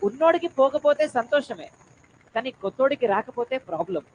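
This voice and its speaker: A woman with a Telangana Telugu accent giving a classroom lecture on economics, quizzing her students and urging them to answer loudly, with English terms mixed into her speech. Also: sits high, sing-song, fairly quick, muffled recording, slight background noise. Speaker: economics teacher.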